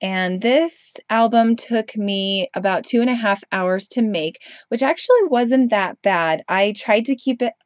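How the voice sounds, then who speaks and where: A young woman with a cold-stuffed, congested voice narrates her craft tutorial footage casually, rambling through chatty asides with lots of ums and self-corrections. Her mid-range voice moves at a measured pace with hardly any pauses, captured as clean studio sound without echo.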